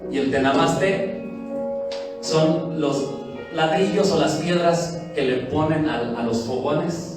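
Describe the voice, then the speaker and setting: A man preaching a lively sermon as pastor, who acts out quotes of church members. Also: on the high side, takes it slowly. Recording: echoey hall heard from a distance with faint music.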